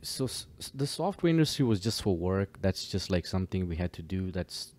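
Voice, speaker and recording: A man's voice: low voice, fairly quick. A man from Kenya, a DJ and producer, chatting casually and easygoingly as a podcast guest. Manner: relaxed, easygoing, many fillers.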